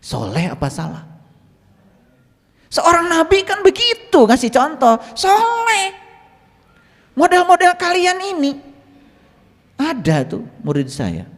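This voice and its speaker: A middle-aged man giving a religious lecture as a Sufi teacher, animated, teasing his listeners, and swinging between loud and hushed delivery. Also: very high-pitched, unhurried, pauses often. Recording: long hall reverb.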